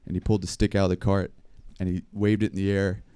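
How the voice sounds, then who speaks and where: A man doing a stand-up comedy set, telling rambling stories in a deadpan way. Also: low voice, fast talker, clean tone, dry recording. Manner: deadpan, rambling storytelling with small laughs. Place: live comedy stream venue.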